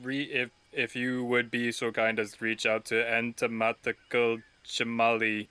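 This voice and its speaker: Man playing an earnest golem, bright forceful voice. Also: medium pitch, flat delivery, measured pace, clean tone. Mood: earnest, formal. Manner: earnest, formal, polite. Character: earnest, polite, literal-minded talking golem machine.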